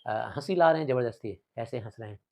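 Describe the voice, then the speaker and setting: A man's voice: mid-range voice, expressive, fast, dark tone. A young man teaching a Hindi play, reading the lines aloud and explaining the words plainly.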